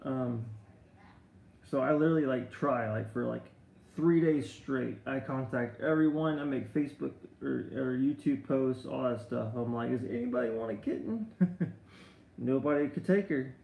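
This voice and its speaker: A middle-aged man chats casually on a live stream, his voice gravelly with fry. He tells rambling stories full of restarts and answers viewer comments, and the audio sounds roomy. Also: medium pitch, moderate pace, narrow, tinny audio. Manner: rambling storytelling with many restarts and fillers.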